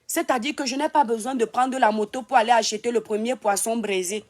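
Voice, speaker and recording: A woman's voice: on the high side, a little fast, darkish tone. A woman from Cameroon with a Cameroonian French accent, hosting a casual live stream from home, talking straight to viewers and mocking a critic between laughs. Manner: teasing, scolding and laughing at a critic. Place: home in Europe.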